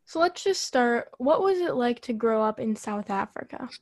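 A woman's voice: on the high side, lively intonation, normal speed. A woman podcast host asking short, direct interview questions.

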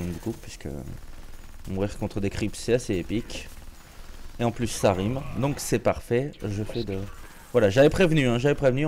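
A man's voice: fairly low pitch, mellow, slight background noise. Joking streamer man with a sore throat. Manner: joking, chatty, many restarts and fillers. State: slightly sore throat, clears throat. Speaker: game streamer. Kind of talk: casual live gameplay commentary.

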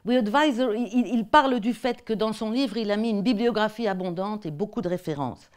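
A French woman lectures on mathematics textbooks in a relaxed, talky way, pausing and repeating words as she searches for them. Her voice sits at an ordinary middle pitch for a woman. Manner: conversational, hesitant with repeated words. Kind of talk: academic talk presenting textbook excerpts.

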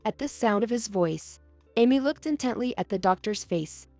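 A young adult woman reading a first-person story aloud as narrator, in a soft, earnest storytelling manner. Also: a little high, lively intonation, moderate pace, dry recording, soft background music.

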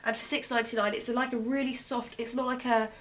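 A young British woman with a fairly high voice talks through products in a casual, upbeat way. Her voice is a little hoarse, and she fills gaps with frequent ums. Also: level tone, fast talker, slight background noise. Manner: chatty, enthusiastic product talk with many ums. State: losing her voice. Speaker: beauty blogger. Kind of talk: casual gift-guide vlog.

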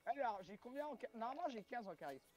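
A man's voice: very high-pitched, lively intonation, fast. A man playing a tabletop game, crude and hot-headed, swearing often. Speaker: player.

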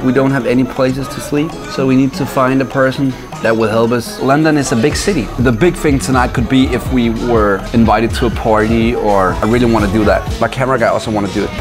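A young man from Denmark with a Danish accent, vlogging on city streets and in a pub, joking with strangers and stammering on restarts. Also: mid-range voice. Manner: playful, awkward, stammers on restarts. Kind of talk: street vlog, chatting up strangers.

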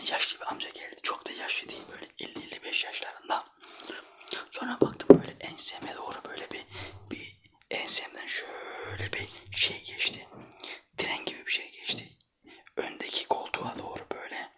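A man from Trabzon in Turkey whispering a casual, rambling ASMR anecdote in breathy, colloquial, foul-mouthed speech. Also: sharp tone. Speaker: ASMR storyteller.

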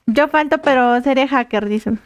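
A woman's voice: high voice, normal speed, slight background noise. A woman streaming a game, chatting casually with her viewers and reading their messages aloud with frequent laughs. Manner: chatty, reads chat aloud, laughs often. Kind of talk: casual live-stream chat.

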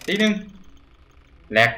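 A man doing casual, crude horror game commentary who yelps and shouts when startled. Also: takes it slowly. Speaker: gamer. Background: game music.

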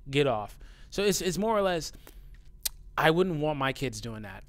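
With a fairly high, sing-song voice at a moderate pace, a YouTuber reads out viewer comments in casual talk to camera. He's blunt, swears often, and gets riled up, mentioning that he has a youthful-sounding voice.

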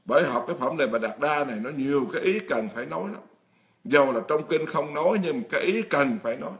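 Blunt monk preaching. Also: male voice, fairly high pitch, lively intonation, fast talker, fairly bright tone. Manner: blunt, emphatic, addresses the congregation directly. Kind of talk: dharma talk sermon.

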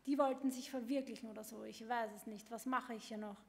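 A woman's voice: on the high side, fairly even intonation, quick pace, gravelly, a little mellow. A woman voicing a hungry, demanding, sulky female baby bird, complaining over and over, at a public literary reading. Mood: demanding, whiny. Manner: whiny, repeated complaining. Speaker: author reading her own text. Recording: long hall reverb.

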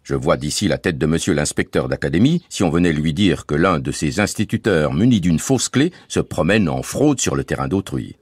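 A man's voice: rumbling low, expressive, normal speed, hardly any pauses, darkish tone, breathy edge, dry recording, studio quality, full character voice. A man voicing a scrupulous, stern schoolteacher father who speaks in a principled, indignant way.

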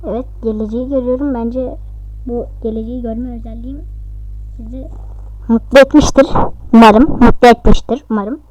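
A woman giving casual, excitable commentary over her own gameplay, talking to herself and shrieking at close calls. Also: fairly high pitch, normal speed, long pauses, no room sound. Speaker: gaming YouTuber.

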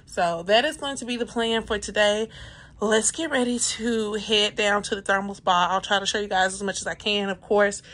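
A woman's voice: mid-range voice, steady tone, moderate pace, fairly bright tone. A woman in her thirties, a travel vlogger, chatting candidly to viewers with a phone held at arm's length on a cruise ship. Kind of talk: casual vlog with voice-over. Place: on a cruise ship, cabin and open deck.

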